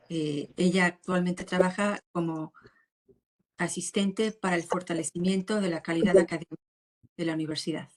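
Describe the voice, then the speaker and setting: A woman with a somewhat low voice hosts a relaxed panel talk. She introduces the guests in a measured, formal way, with the odd filler. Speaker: host.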